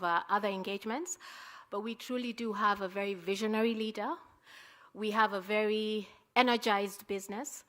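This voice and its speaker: Woman rallying the crowd at an award podium. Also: medium pitch. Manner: energetic, repetitive, rallying the crowd. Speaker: award recipient giving acceptance speech. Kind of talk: rousing acceptance speech.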